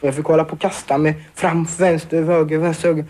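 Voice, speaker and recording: A teenage boy giving a halting personal account, full of fillers and restarts. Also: a little high, flat delivery, a little mellow. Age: teens. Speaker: survivor interviewee.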